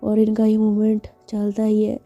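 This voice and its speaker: A woman's voice: mid-range voice, completely flat delivery, normal speed, mellow, highs cut off, faint music behind. A woman narrating a love story in a chatty way, speaking directly to her listeners.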